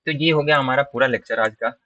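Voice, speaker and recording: A man's voice: medium pitch, fast, bright, forceful tone, no echo. A man giving a step-by-step programming lecture over a screen recording, often checking in with the viewer. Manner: explains step by step, often asks "ठीक है?". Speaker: programming instructor. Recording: dull, slightly distant dry mic.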